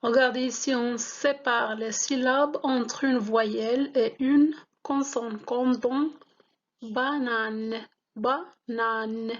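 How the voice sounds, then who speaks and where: Slow, deliberate woman teaching reading. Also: high voice, fairly even intonation, dull audio. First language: Moroccan Arabic. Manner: spells out letters and syllables slowly, very deliberate. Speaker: French teacher. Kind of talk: slow classroom-style reading lesson.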